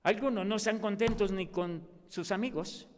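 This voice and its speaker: A Mexican pastor preaching with a very high, bright voice that rises and falls as he acts out the people he quotes. His sermon rings through a church hall with a long trailing reverb. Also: normal speed, a little hiss or hum. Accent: Mexican Spanish.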